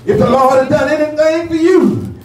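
A man's voice: extremely high pitch, moderate pace, crowd noise. A man, preaching a call-and-response sermon and teasing the congregation. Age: 40s. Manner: preaching, repeats lines and teases the congregation. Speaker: pastor. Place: church sanctuary. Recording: echoey church, far mic, congregation heard.

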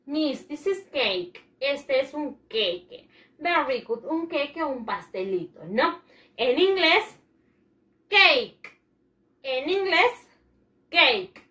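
A woman teaches English to young children, her high voice rising and falling in a lively, sing-song way. She speaks slowly and deliberately, often voicing the pupils' answers herself to keep the lesson going. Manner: animated, sing-song, acts out pupils' replies. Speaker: primary school English teacher.

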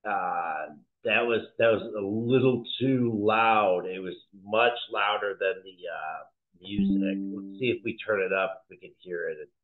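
A man's voice: lowish voice, a little slow, narrow, tinny audio. A man hosting a music reaction, talking casually and rambling as he thinks aloud.

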